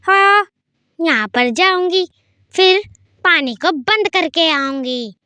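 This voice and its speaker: A woman commentating a horror game in character, chatty and excitable as she talks through each move. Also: extremely high pitch, slow pace, no echo. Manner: chatty, excitable, talks to herself while playing. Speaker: gameplay commentator. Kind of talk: playful gameplay commentary in character.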